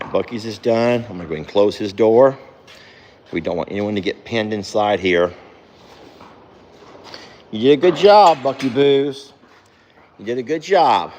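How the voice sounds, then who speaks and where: A man talks casually in a low voice while working in a barn. He coos at his animals and jumps to a much higher pitch when he scolds them. A faint hiss sits behind him. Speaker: farm vlogger. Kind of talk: casual vlog chat while doing barn chores.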